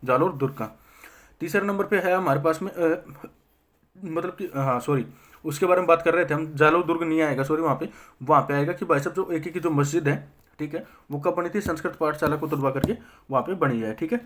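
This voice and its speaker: A young man with a slightly high, somewhat bright voice teaches history for exam preparation. His style is to ask himself quick questions, answer them, and keep checking in with listeners.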